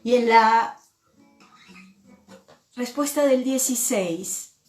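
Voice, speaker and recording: A woman pastor from Argentina, preaching a sermon in a slow, reflective way and often repeating words as she thinks. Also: a little high, reverberant, soft background music.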